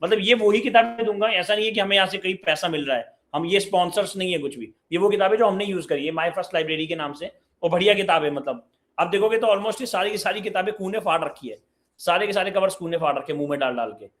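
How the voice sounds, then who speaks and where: A man's voice: high voice, fast talker, fairly bright tone. Young man hosting an online parenting Q&A. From Uttar Pradesh, India. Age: 20s. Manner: reads out and answers audience questions conversationally. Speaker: parenting session host. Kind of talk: live online Q&A session.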